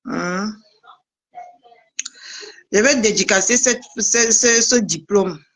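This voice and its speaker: A woman's voice: mid-range voice, slow pace, fairly bright tone. A woman vlogger, chatting casually and teasingly to her viewers. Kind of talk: casual live video chat.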